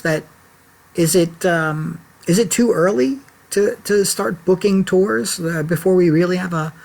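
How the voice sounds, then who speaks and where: A man hosting a casual livestream check-in from his laptop at home, rambling and chatty with lots of fillers and restarts. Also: a little high. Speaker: website founder and host of a live check-in. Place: home office. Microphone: laptop mic.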